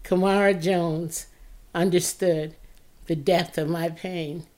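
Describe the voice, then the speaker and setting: A woman narrates her own story in a slow, measured read, her voice low-pitched and worn with tiredness. She delivers it as scripted first-person narration, reflective and earnest. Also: fairly even intonation, darkish tone. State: tired-sounding voice. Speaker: podcast host.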